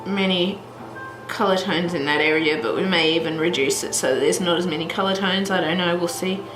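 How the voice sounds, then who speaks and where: Over music, a young Australian colouring channel host talks a little fast in a fairly low, stuffy, congested voice, rambling casually through a tutorial with plenty of fillers and restarts. She's at home, seated before a heater, and the echoey room picks up background noise.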